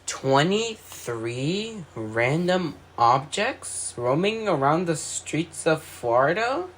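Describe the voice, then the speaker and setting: With noticeable background noise and a rough recording, a man reads his own scripted mock emergency broadcast as an amateur announcer, stumbling at times. His voice is a little high, sing-song, slow, and a bit bright. He's the video creator behind this fictional alert scenario.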